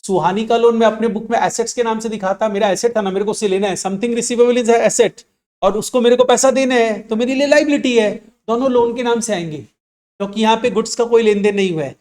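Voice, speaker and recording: A man's voice: sits high, darkish tone. Male accounts teacher quizzing his class. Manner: asks students frequent questions and answers them himself; slows down to dictate definitions word by word. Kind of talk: classroom lecture in mixed Hindi and English.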